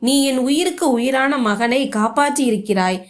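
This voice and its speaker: A woman storyteller voicing a grateful, wealthy older landlord who speaks warmly and effusively. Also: high voice, normal speed, lightly acted.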